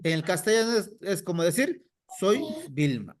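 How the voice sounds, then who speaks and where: A man teaching a language class, patiently asking students by name and slowly repeating their answers. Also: high-pitched, very animated.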